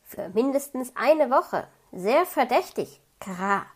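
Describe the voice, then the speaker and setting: A woman's voice: on the high side, sing-song, slow, breathy edge, exaggerated voice. A woman doing a sly, cawing raven. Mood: suspicious. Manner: dry, cawing.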